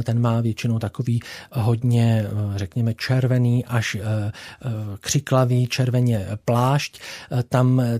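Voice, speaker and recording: Male guest, icon painter, mellow and halting, lots of filler sounds. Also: medium pitch. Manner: hesitant, many filler sounds, measured explanation. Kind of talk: radio interview, explaining.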